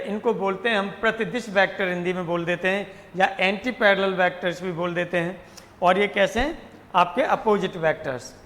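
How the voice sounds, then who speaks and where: A man's voice: high voice, fairly bright tone, long reverb tail. A man teaching a math lesson. He mixes with English terms, repeats key words and asks questions he answers himself. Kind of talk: classroom lecture.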